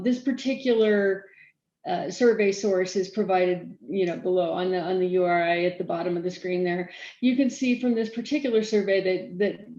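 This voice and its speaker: Fast-talking woman giving a keynote. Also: mid-range voice, mellow, roomy sound, dull audio. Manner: fast-talking, self-aware about speed. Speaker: keynote speaker, storage architect. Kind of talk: conference keynote presentation.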